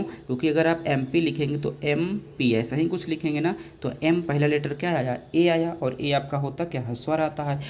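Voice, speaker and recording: A man's voice: mid-range voice, darkish tone, a little hiss or hum. Man teaching, asking and answering himself. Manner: asks and answers his own questions; calls students "dear children". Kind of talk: exam grammar lesson.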